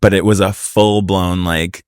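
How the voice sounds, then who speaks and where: A man's voice: low voice, fairly even intonation, unhurried, a little mellow, clean tone, no echo. A hungover man hosting a podcast in a casual, chatty way, scattering filler "like" through his sentences. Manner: chatty, peppered with "like". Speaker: podcast host. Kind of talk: casual chat.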